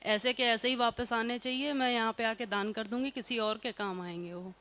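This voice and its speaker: A woman's voice: on the high side, fairly even intonation, moderate pace, a bit bright. A housewife earnestly recounting her personal story in plain, simple words. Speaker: housewife sharing testimony. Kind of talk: emotional personal testimony.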